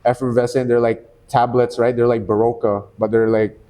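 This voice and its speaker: A man from the Philippines, a professional MMA fighter guesting on a podcast, chatting in a relaxed, slangy way and calling people "bro". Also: medium pitch, moderate pace. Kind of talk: casual podcast chat.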